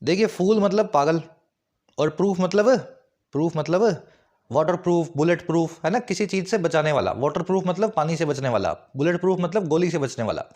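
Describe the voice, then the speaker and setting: A man with a slightly raised voice teaches English vocabulary, explaining each word in Hindi. He keeps checking that students follow with quick rhetorical questions, and he slows right down to read each English example sentence. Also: a little high, expressive, a little mellow. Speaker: English tutor. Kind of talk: vocabulary lesson.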